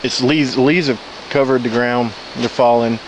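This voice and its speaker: A man's voice: medium pitch, fairly even intonation, measured pace. Man vlogging casually over outdoor stream noise. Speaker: hiking vlogger. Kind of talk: casual, unscripted trail narration. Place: outdoors on a rocky riverside woodland trail. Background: stream and natural ambience.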